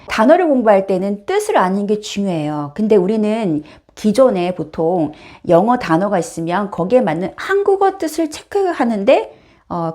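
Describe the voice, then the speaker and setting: A woman's voice: mid-range voice, darkish tone. A woman teaching an online English lesson. She talks straight to her viewers with an emphatic, teacherly manner.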